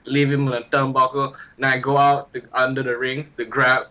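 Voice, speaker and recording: Eager man with a bright voice. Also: medium pitch, little pitch movement, moderate pace, highs cut off. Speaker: player. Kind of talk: describing moves in a tabletop game.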